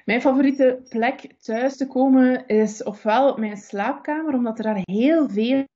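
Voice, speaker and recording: A woman with a Flemish accent speaking as a parent and parenting coach, giving calm, reassuring advice in an interview, with many soft fillers. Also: high voice, unhurried, highs cut off.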